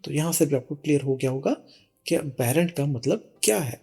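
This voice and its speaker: Gravelly, husky-voiced vocabulary teacher. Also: mid-range voice, mellow, soft background music. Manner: reads English sentences slowly, then translates and repeats. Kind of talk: bilingual vocabulary lesson.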